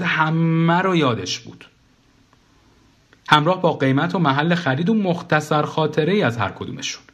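A man reading a comic first-person story aloud as the narrator, in a dry, wry tone. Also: mid-range voice.

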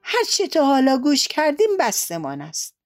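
A woman's voice: high-pitched, huge pitch swings, soft background music, pitched above the performer's own voice. A woman voicing a hopeful, thirsty duck with an eager manner.

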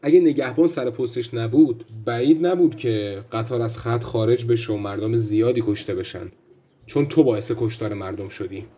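A man's voice: mid-range voice, dark tone, natural voice. A man playing a stern scolding judge. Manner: scolding, interrogating. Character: stern, exasperated male district judge. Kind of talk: radio drama acting.

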